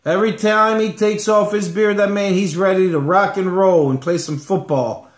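A middle-aged man hosting a homemade sports picks show in a casual, informal chatting style, with pauses between phrases. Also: sits high, fairly even intonation. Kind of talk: casual comedic show chat. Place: living room at home. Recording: roomy home webcam sound.

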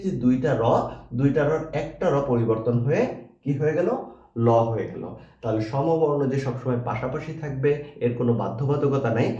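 A man's voice: mid-range voice, mellow, roomy sound, lo-fi sound. A man teaching a grammar lesson, asking questions and answering them himself and repeating key terms.

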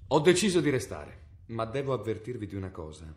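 In a radio drama, an actor gives voice to a cold, stern medieval inquisitor, delivering lines severely, formally and with command. His male voice sits fairly low and moves briskly with a sing-song lilt. The mood is cold and resolute.

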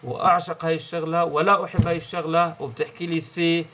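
A man's voice: a little high, flat delivery, fast, pushed and bright, dull audio, slight background noise. A man with a Levantine Arabic accent teaching French in an explanatory lesson, often checking in and repeating key words. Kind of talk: online language lesson.

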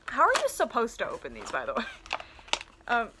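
A young woman with a slightly high voice chats through a toy unboxing, excitable and rambling with plenty of "um" and "like". She sits close to a desk camera in a small room lined with shelves, and loud crinkling of plastic packaging runs under her talk. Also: fairly quick, heavy background noise. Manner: chatty and excitable, with frequent "um" and "like". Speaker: toy collector vlogger. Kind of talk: casual unboxing chat. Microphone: camera on desk at close range. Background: crinkling packaging and clicks.

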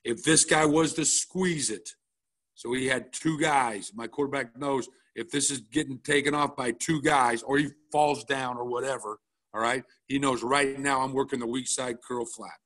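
Blunt football coach breaking down film. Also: male voice, medium pitch, fairly even intonation, normal speed, a bit bright. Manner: blunt, casual, peppered with "all right?".

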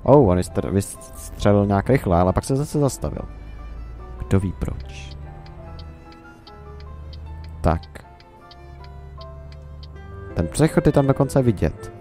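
Young Czech man, low voice, casual rambling let's-play commentary, faint music under it. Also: expressive, long pauses, mellow. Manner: rambling, musing, talks to himself and the game.

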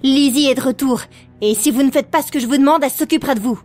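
A woman's voice: high-pitched, quick pace, darkish tone, faint music behind, voice pushed up, natural voice. A woman voicing a mysterious teenage girl who speaks in a cool, commanding and teasing way. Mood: warning.

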